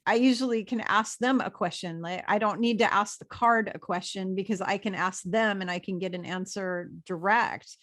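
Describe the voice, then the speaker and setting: A woman's voice: mid-range voice, normal speed, hardly any pauses, fairly bright tone. A woman guest who talks about her spiritual work in a chatty, enthusiastic, rambling way. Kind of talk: casual video interview chat.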